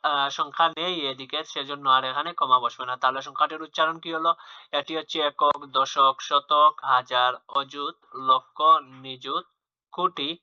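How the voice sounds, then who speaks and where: A man whose fairly high voice is sharp in tone yet smooth gives young children a maths lesson, explaining patiently and repeating himself amid fillers and restarts. The dull lo-fi home recording has no room sound.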